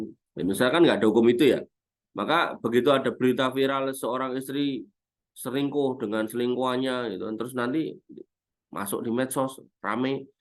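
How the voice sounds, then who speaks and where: A man giving a conversational Islamic study lecture, often adding tag questions as he explains. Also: lowish voice. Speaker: Islamic teacher.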